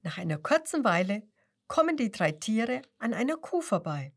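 A woman's voice: a little high, sing-song, moderate pace. A woman reading a children's story aloud, asking the young listener questions and whispering secrets.

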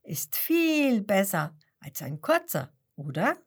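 A woman's voice: sing-song, takes it slowly, husky, exaggerated voice. A woman doing a jolly puppet clown Kasper. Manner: loud, high and bouncy, joking. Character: cheeky hand puppet clown Kasper, male, jolly joker.

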